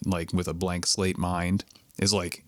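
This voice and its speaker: Young man, podcast co-host, low voice, dry sound, laid-back, joking. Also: flat delivery, measured pace, fairly bright tone, no echo. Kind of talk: casual chat.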